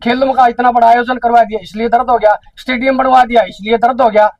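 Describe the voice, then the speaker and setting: A man with a Haryanvi accent gives an indignant public address at a village council meeting, asking rhetorical questions over and over. His voice sits very high for a man and sounds close and dry. The recording is dull and lo-fi. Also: fairly even intonation, fast, dry recording.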